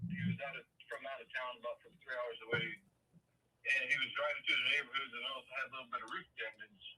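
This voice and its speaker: A man's voice: medium pitch, fairly even intonation, brisk, bright, forceful tone, slight background noise. A man calling in over a speakerphone, retelling events in a rambling, hesitant way with restarts. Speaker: caller. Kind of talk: phone-in storytelling. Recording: distant tinny speakerphone line.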